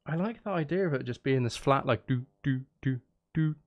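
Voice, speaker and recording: The sound is lo-fi as a man with a mid-range voice talks a little fast during a live music-making stream. He rambles casually and thinks aloud with his viewers while music and synths play behind him.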